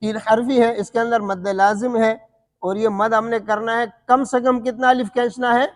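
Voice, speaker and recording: A man's voice: very high voice, flat delivery. A man teaching Quran recitation rules, asking his students questions and answering them himself, and stretching out letter sounds to show them. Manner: demonstrates letter sounds slowly. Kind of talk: tajweed lesson. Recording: long hall reverb.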